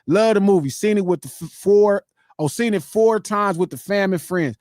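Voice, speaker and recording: A man in his fifties hosting a casual live-stream podcast, reading out viewer shout-outs with animated banter. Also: sits high, normal speed, no room sound, clean studio sound. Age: 50s. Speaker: podcast host reading donations.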